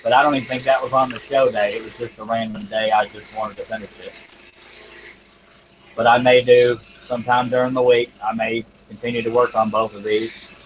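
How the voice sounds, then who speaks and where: A man's voice: medium pitch, level tone, brisk, noisy background. A man chatting casually as he hosts a workshop livestream, folksy and joking in manner. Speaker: livestream host, scroll saw craftsman. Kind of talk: casual live chat while working.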